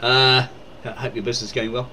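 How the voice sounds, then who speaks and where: A man's voice: medium pitch, level tone, quick pace, bright, forceful tone, a little hiss or hum, rough recording. Rambling man talking at home. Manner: rambling, with lots of fillers. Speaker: uncle making a birthday video. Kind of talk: casual home video chat. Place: indoors at home.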